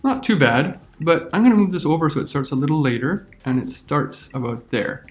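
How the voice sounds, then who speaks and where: A man teaching a screen-recorded software tutorial, talking through each step as he clicks. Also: fairly high pitch, very animated, fairly quick.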